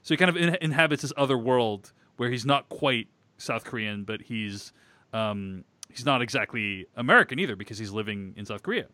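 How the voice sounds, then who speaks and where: This podcast host chats loosely about a film, meandering with frequent restarts and filler words. He speaks briskly in a mid-range, expressive voice that sounds bright and forceful, and the recording has no echo.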